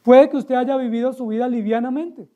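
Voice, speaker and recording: A man's voice: very high voice, steady tone, a little fast, mellow. A man with a Colombian accent preaching an expository sermon as pastor, emphatic and full of rhetorical questions to his listeners.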